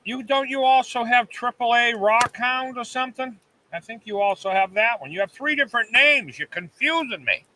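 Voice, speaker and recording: Chatty high-voiced man on a live stream. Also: normal speed, far from the mic, slight background noise, low-quality recording. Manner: chatty, animated, reads viewer comments aloud. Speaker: livestream host. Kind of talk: casual live chat with viewers. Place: cabin.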